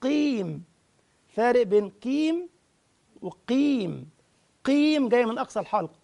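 A man with an Egyptian accent teaching Quran recitation, drawing out the verses slowly and breaking into quick, chatty corrections. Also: very high-pitched, animated, darkish tone. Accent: Egyptian Arabic. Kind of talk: tajweed lesson with slow demonstrations.

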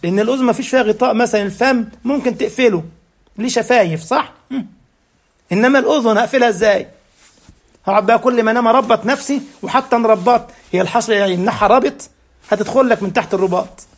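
A man with an Egyptian accent giving a sermon, who keeps asking the congregation rhetorical questions and answering them himself. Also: high-pitched. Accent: Egyptian Arabic. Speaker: preacher.

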